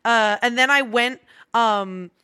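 A woman with a bright, forceful voice chats on a podcast, telling a story in an animated, rambling way and full of ums and restarts. She is recorded on a close, dry mic with no room sound. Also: fairly high pitch, slow pace, smooth, dry recording. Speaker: podcast guest. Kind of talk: casual chat.

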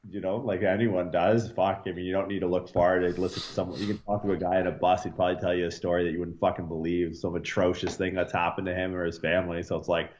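A man's voice: low-pitched, flat delivery, fast talker, few pauses, a little mellow. A man in his thirties, a podcast guest, talking in a rambling, laid-back way with swearing and fillers. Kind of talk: casual podcast interview. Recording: slightly dull lo-fi sound with faint noise.

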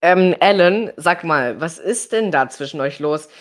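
A woman reading the part of a calm male colleague who soothes a quarrel. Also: low voice, unhurried. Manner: soothing, mildly teasing.

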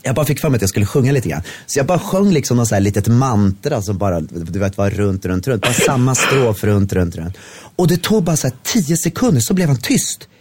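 Husky man telling a story animatedly. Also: medium pitch, very animated, no room sound. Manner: warm storytelling with many restarts. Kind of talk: casual chat.

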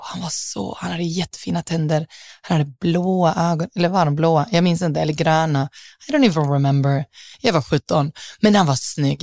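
A woman's voice: fairly low pitch, darkish tone, no echo, clean studio sound. A young woman, hosting a podcast and telling a dating story in a chatty, dramatic way, dropping English phrases into her talk. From southern Sweden. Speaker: podcast host. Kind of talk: casual storytelling.

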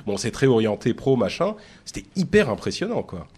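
A man's voice: medium pitch, sing-song, brisk, darkish tone, breathy edge. A man hosting a tech podcast in casual chat, talking with many fillers and restarts. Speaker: podcast host.

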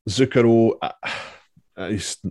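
A man's voice: fairly low pitch, very slow, darkish tone, no echo, clean studio sound. A man with a Scottish accent in a casual chat, talking hesitantly with many ums and uhs.

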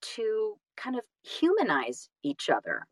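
A woman with a medium-pitched voice and a measured delivery speaks on a dry recording. She's guesting in a casual interview as an audiobook narrator and actor, effusive and sincere, expressively slipping into acted-out asides and quotations.

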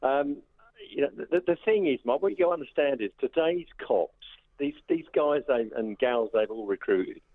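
An older man gives his opinions as a phone-in caller. He is emphatic and halting, with very lively, swinging intonation on a tinny phone line. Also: medium pitch. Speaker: radio phone-in caller, retired police officer.

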